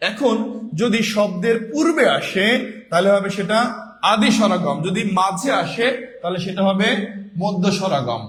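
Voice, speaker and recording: Male tutor with a Bangladeshi Bengali accent and a high voice, quizzing his class in a reverberant room. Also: animated, normal speed. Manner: drills students with repeated questions and answers. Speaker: teacher. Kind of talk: online exam-prep grammar lesson. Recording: echoey room with long reverb.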